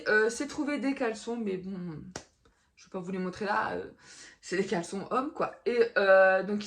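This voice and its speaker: A woman's voice: fairly high pitch, a bit bright. A woman chatting casually in a haul vlog, self-mocking, with many fillers. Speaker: fashion haul vlogger.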